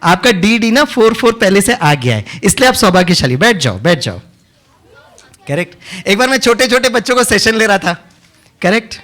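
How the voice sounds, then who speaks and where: A man's voice: high voice, very animated, normal speed, fairly bright tone. A man leading a session for children at a summer camp, teaching playfully and coaxing the kids in a teasing way, speaking into a handheld mic. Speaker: kids' camp session leader. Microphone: handheld microphone.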